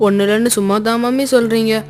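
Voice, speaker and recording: An actress plays a loyal, caring young woman in a period film drama, her voice somewhat high and earnest. She reassures and comforts with steady sincerity. Soft film music sits behind her. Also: fast talker, natural voice. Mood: consoling.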